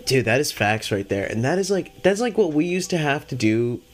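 A man who is high, chatting casually as a solo podcast host in a laid-back, rambling, slangy stoner manner with plenty of swearing, music behind him. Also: big pitch swings, normal speed. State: high on cannabis.

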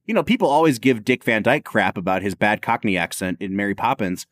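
A man's voice: lowish voice, lively intonation, fairly quick, dry recording, studio quality. A man co-hosting a podcast, chatting casually and opinionatedly about a film, laughing often. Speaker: podcast co-host.

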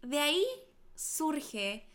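A young Mexican woman co-hosting a podcast in casual chat, chatty and quick to laugh. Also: high voice, expressive, a bit bright. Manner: chatty, laughs often, calls listeners "bebés". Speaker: podcast co-host.

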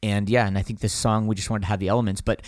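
Interviewed as a guest, a band's vocalist talks casually and frankly, rambling, correcting himself, and often restarting sentences. His fairly low voice is a little mellow, delivered flat at a racing pace. The recording is studio quality with no echo.

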